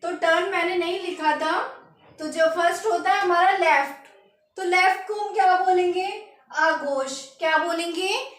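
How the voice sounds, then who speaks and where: A woman from India teaching a language lesson, slowly repeating each word and quizzing the viewer. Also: extremely high pitch, steady tone, a bit bright, echoey room. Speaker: French teacher.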